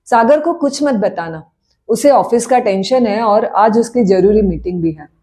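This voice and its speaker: A woman reading the part of a calm, reassuring male family doctor. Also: mid-range voice, unhurried, close to an everyday voice. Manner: steady, reassuring.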